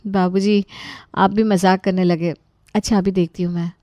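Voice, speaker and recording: A polite young wife from an animated family tale who is worn out by chores, played by a woman. Her tone is mellow and soft. The sound is dry and close. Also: medium pitch, a little slow, no echo, highs cut off, close to an everyday voice. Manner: polite, weary.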